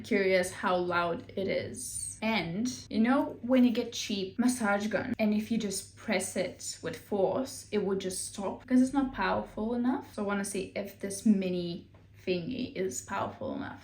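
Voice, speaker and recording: A woman vlogger talking casually to camera, informal and thinking aloud as she goes. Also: mid-range voice. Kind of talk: casual vlog chat to camera. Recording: roomy echo, clear ambient background noise.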